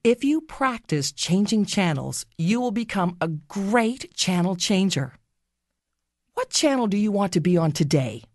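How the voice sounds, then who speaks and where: Woman narrator for children's guided meditation: unhurried, soothing, gently instructive, with melodic pitch movement and a close, dry sound. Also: big pitch swings, no room sound. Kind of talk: scripted guided meditation story.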